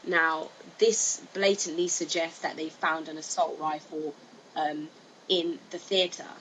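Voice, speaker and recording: Her low voice is slow, fairly even in intonation and fairly bright as she narrates a video with informal opinions. She hesitates, circles back over the same points and says "you know" and "like" often, and the amateur voice-over has clear hiss.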